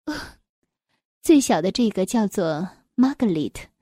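A woman voicing a grieving, gentle middle-aged queen in a children's story, speaking softly and slowly with a sorrowful delivery. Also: medium pitch, sing-song, breathy edge, no echo, studio quality, voice pushed down.

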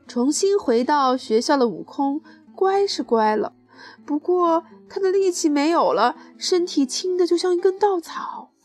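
A woman's voice: sits high, lively intonation, measured pace, a little mellow, faint music behind. A woman reading a children's picture book aloud to a child, adding chatty asides to her young listener.

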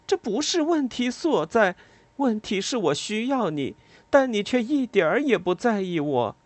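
A bitter, sharp-tongued woman in an audiobook, voiced by the reader, high and wildly swinging in pitch, cutting and resentful. The voice is close and dry. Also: very animated, measured pace, no room sound. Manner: cutting and resentful, breaking into sobs.

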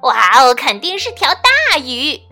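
A woman's voice: a little high, animated, a little slow, sharp tone, faint music behind, exaggerated voice. A woman voicing a grumpy, territorial otter who fishes, in a children's storybook reading, brusque and sly. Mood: excited.

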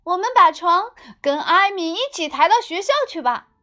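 An excitable little brother from a children's storybook, acted out by a woman. The voice is very high and boyish, pitched up for a young schoolboy. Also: moderate pace, full character voice. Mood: eager. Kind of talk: storybook character voice.

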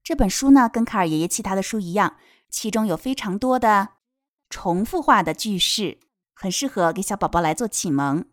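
A woman's voice: medium pitch, expressive, normal speed, dry recording, clean studio sound. A woman teaching a children's picture book, reading each line aloud and patiently explaining pronunciation step by step. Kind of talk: bilingual read-aloud lesson.

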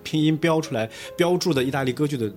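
A man's voice: a little high, quick pace, over music. A man from Lanzhou, a guest pronunciation coach, explaining things in a casual podcast chat with a patient, teacherly manner. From Lanzhou, China.

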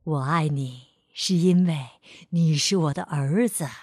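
A calm storybook father who speaks low, slow and tender, as a woman narrator puts him on. The voice drops well below her own. It is a dad in a children's tale. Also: no room sound, studio quality.

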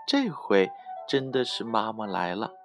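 A man voicing a group of eager young tadpoles, calling in high childlike tones over faint music. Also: huge pitch swings, unhurried, fairly bright tone, heavily acted. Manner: high, pleading childlike calls.

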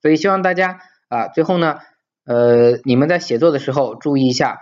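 A man's voice: medium pitch, a little fast, a little mellow, lo-fi sound. A man teaching as an English teacher in an informal video lesson, emphatic and coaxing, often asking his listeners rhetorical questions.

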